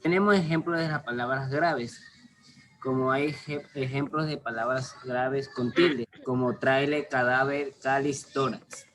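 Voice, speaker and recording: A man, a student, reading his part of a class presentation in a halting way with small slips. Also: mid-range voice, steady tone, fairly bright tone, a little hiss or hum, rough recording.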